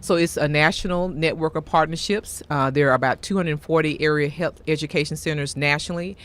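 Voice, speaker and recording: A woman with a Mississippi accent speaking as a guest in a radio interview, explaining things in a formal, measured, courteous way. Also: sits low, fairly even intonation, a little hiss or hum. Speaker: guest, health education executive director.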